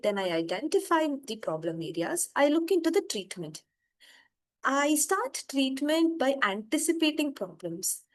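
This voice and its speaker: A young woman speech-language pathologist, giving an explanatory online lecture over a video call and pausing often with "uh". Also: on the high side. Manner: explanatory, steady teaching tone with frequent "uh" hesitations. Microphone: video call microphone.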